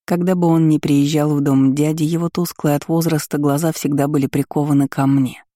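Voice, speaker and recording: A woman narrating a story in the first person, in a calm, measured, subdued way. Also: low-pitched, no room sound, clean studio sound.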